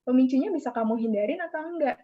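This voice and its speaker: A woman psychologist talks through practical advice in a relaxed, conversational way, with a somewhat high voice. She often closes sentences with a casual tag word. The audio is dull and lo-fi. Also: fast. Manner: relaxed, informal, frequent "gitu" tag and "apa namanya" fillers. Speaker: psychologist guest. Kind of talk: casual explanatory advice talk.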